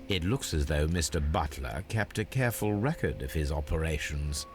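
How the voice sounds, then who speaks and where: Sherlock Holmes, measured methodical detective. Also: male voice, extremely low pitch, expressive. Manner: measured, deliberate deduction. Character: methodical, reserved male detective, middle-aged. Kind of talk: video game voice acting. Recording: game audio with noisy ambience behind.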